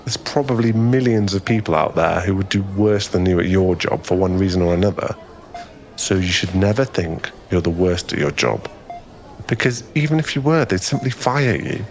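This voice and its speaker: A man with a low voice, speaking at a moderate pace over a faint hiss or hum, plays a friendly young guy who gets flustered easily in a conversational ASMR boyfriend roleplay. His talk is hesitant, rambling and self-effacing, and the mood is sympathetic and reassuring.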